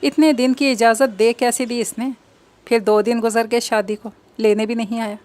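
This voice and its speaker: A woman's voice: fairly high pitch, flat delivery, normal speed, darkish tone, natural voice. Middle-aged mother, scolding and suspicious, read by a woman.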